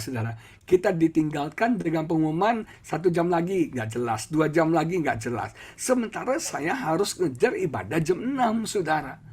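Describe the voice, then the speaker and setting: A middle-aged man preaching a church sermon, telling stories in an animated way and often calling out to the congregation. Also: on the high side, slightly rough. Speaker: pastor. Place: church service.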